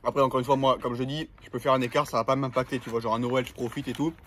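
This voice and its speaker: A young man, hosting a casual vlog with loud, slangy chat. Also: mid-range voice, flat delivery, rapid-fire, a little hiss or hum. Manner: slangy, loud and hyped, talking to camera. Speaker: vlogger. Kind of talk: casual chat while eating. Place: in a car, then at a table eating.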